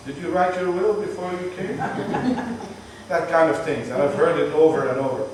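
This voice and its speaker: A man's voice: a little high, moderate pace, a little mellow. A man talks a tour group through the sights, explaining things patiently and joking along the way. His voice is distant and echoey, picked up on a moving bus with faint road noise behind him. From Palestinian, from Jerusalem. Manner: chatty, explaining patiently with jokes. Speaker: tour guide. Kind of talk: guided tour talk to a group.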